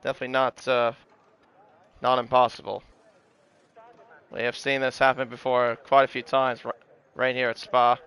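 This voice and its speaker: A man's voice: mid-range voice, level tone, moderate pace, pauses often, fairly bright tone, clear, resonant tone. A man giving live play-by-play motorsport commentary on an online race, often correcting himself as he goes. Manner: hesitant asides, self-correcting, exclaims at incidents.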